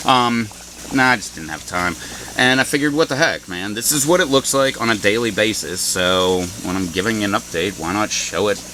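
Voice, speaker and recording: Lowish voiced guy rambling casually on a garden vlog, offhand, water n pump noise behind. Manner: offhand, self-deprecating. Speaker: gardening vlogger. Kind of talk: casual, unscripted walk-around chat. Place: small greenhouse garden beside running water. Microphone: handheld camera mic. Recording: handheld camera, clear water and pump noise.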